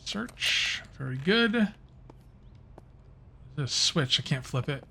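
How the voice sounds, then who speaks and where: A man's voice: on the high side, animated, takes it slowly, gravelly, sharp tone, slight background noise. A man giving casual, rambling let's-play commentary, talking to his viewers as he plays. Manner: chatty, rambling, talks to viewers while playing. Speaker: gaming YouTuber.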